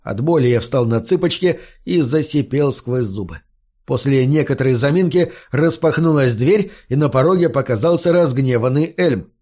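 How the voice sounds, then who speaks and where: A man's voice: medium pitch, normal speed, dark tone. A man reading a first-person fantasy story aloud, narrating expressively. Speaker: audiobook narrator.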